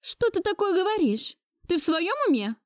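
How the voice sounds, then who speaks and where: A domineering elderly grandmother, imperious and shrill, acted by a woman reading an audiobook. Her voice sits high and cutting, recorded dry and close with no room around it. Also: animated, moderate pace, a little mellow, no echo. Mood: furious.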